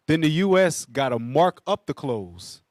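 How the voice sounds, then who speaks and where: High-pitched, slangy man. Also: sing-song, a little slow, no room sound, clean studio sound. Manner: slangy, emphatic, repeats himself. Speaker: panelist on a religious group's news discussion show. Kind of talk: casual group discussion of news.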